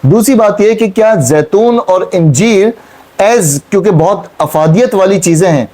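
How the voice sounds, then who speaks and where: Male Quran teacher, high mellow voice, questions and repeats. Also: lively intonation, measured pace. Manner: questioning students, repeating points. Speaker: Islamic teacher. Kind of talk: Quran class explanation. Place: classroom with students.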